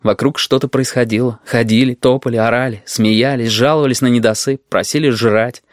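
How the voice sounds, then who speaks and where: A man narrating an audiobook in a calm, measured way. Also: medium pitch, dry recording, studio quality.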